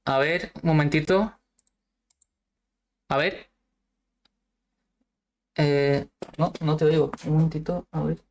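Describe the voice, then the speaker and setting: A woman's voice: low voice, fairly even intonation, slow pace, pauses often, a little mellow. A woman hosting an interview over a video call, talking in a friendly, chatty way. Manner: friendly, chatty, affirming often. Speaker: interviewer host. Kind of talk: casual interview chat.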